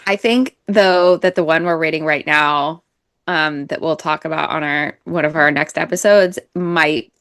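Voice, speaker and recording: A woman's voice: low voice, steady tone, a little slow, fairly bright tone, clear, resonant tone, no room sound, clean studio sound. A woman co-hosting a podcast, chatting casually about books with fillers and frequent laughs. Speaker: podcast co-host. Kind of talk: casual book chat.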